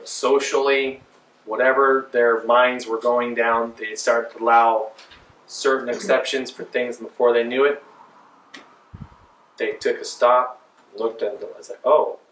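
Heard through a distant camera mic in a roomy, echoing church, a pastor in his forties delivers a loose, conversational sermon from the pulpit of a small church, animated with hand gestures. His mid-range voice moves at normal speed with long pauses.

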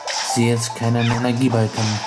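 Man as let's play host, casual and musing, over loud game music. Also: medium pitch, monotone, normal speed. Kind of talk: casual gameplay commentary.

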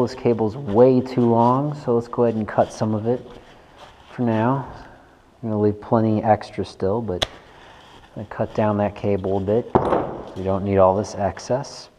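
A man with a medium-pitched, dark-toned voice hosts a casual bike mechanic tutorial, informally thinking aloud as he works with his hands. He's indoors in a large wooden workshop garage, recorded by an action camera worn on his body, so the audio is echoey and noticeably noisy.

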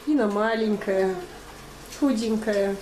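A woman's voice: medium pitch, slow pace, a little mellow, slight background noise. A woman chatting casually to camera in a playful, joking way, repeating words for emphasis. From Russian-speaking, living in Germany. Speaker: vlogger filming a visit to a friend. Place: small home kitchen. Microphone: handheld camera, held by the speaker. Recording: echoey kitchen, music in the mix.

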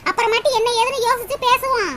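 A woman's voice: very high voice, fast talker. A woman voicing a bossy village auntie in a cartoon, chiding and instructing. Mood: scolding comfort. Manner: scolding, chiding rural speech. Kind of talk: cartoon voice acting. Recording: loud noise over the recording.

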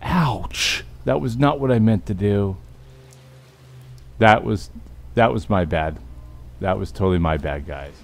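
A man narrates his gameplay casually. His voice sits fairly low as he comments or reads texts from the game. Game ambience and noise run behind him. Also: measured pace, pauses often. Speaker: video game streamer. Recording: clear background noise from game.

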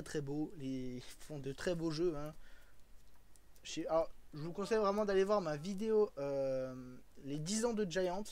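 A young man from France talks loosely on a live stream, drifting between thoughts with plenty of fillers and frequent laughter. He keeps greeting and answering his viewers as he goes. His voice sits a little higher than most men's. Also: a little mellow. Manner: chatty, rambling, laughs often, greets and answers chat.

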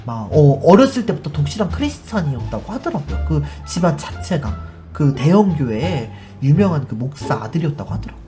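A woman's voice: low voice, sing-song, brisk, dark tone. A woman hosting a live stream, chatting casually as she tells a story and acts out the people in it. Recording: music under the voice. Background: background music.

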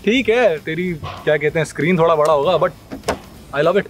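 An Indian man argues casually about cars as a co-presenter. His voice is high for a man and he talks quickly and emphatically. There is soft music in the background. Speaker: car review co-presenter.

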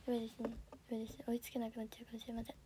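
Soft-spoken teen girl with Kansai accent. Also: a little high, completely flat delivery, racing, background noise. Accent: Kansai Japanese. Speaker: audition livestreamer. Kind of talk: casual livestream chat reading viewer comments. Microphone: phone camera.

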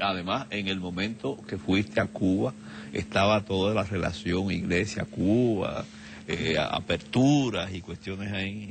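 An older man hosting a TV studio interview, introducing and prompting his guest in a measured way on a lapel mic. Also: sits low, creaky. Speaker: TV host. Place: TV studio set. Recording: TV studio recording with steady hum.

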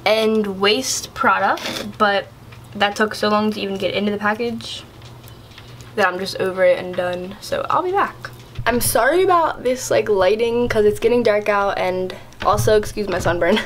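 A woman's voice: medium pitch, a bit bright, slight background noise. Chatty young woman vlogging. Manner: chatty, filler-heavy, exasperated. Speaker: YouTuber. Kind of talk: casual vlog product review.

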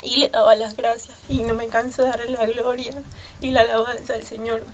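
A woman tells her congregation a personal testimony in a somewhat high voice. She talks earnestly and with fervor, often stopping to restart a phrase. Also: flat delivery, highs cut off, slight background noise. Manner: earnest and fervent, with halting restarts. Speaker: church member giving testimony.

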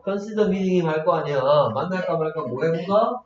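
A man's voice: high voice, fairly quick, a loud crowd. A man teaching English to a class, telling a playful story and often checking in with the students. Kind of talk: classroom lecture with a joking story. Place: echoey classroom. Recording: echoey, distant, dull lo-fi classroom recording.

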